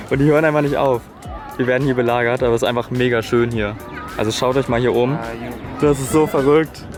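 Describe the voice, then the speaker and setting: A man vlogging his travels outdoors in a city, upbeat and excited, piling on intensifiers as he talks to his camera. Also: medium pitch, fairly quick, reverberant, faint music behind, a faint crowd. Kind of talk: casual travel vlog.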